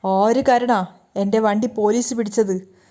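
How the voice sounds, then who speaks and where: A woman's voice: mid-range voice, fairly even intonation, unhurried, close to an everyday voice. A woman voicing a hot-tempered young husband who accuses and scolds in anger. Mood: furious. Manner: shouting, accusing.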